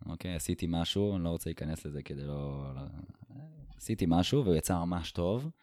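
A man's voice: sits low, lively intonation, a little mellow, no echo. A male podcast host telling a personal story in casual conversation, searching for words and repeating himself as he goes.

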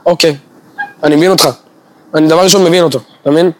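A man's voice: a little high, steady tone. A man chatting casually on a podcast as a guest, a former preschool teacher who acts out quoted voices for comedy.

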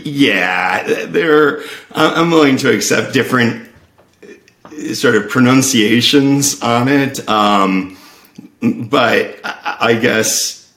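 A man explaining things at length in casual conversation, thoughtful and unhurried in his reasoning. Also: mid-range voice, a bit bright. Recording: echoey room.

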